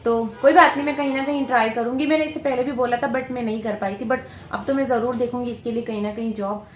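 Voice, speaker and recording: A young woman chats to her viewers, lively and teasing. Her voice sits fairly high and rings around a bare, echoey room, with faint noise underneath. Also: quick pace. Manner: animated, coaxing and teasing with laughs. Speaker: vlogger. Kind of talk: casual vlog chat. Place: workplace room among staff.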